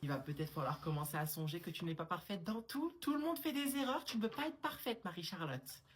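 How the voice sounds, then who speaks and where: A woman's voice: fairly low pitch, expressive, a little fast, a little hiss or hum, lightly acted. Woman playing a stern, sarcastic schoolteacher. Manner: dry, cutting remarks with hesitant fillers. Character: stern, sarcastic female high-school teacher. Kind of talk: comedy sketch role-play.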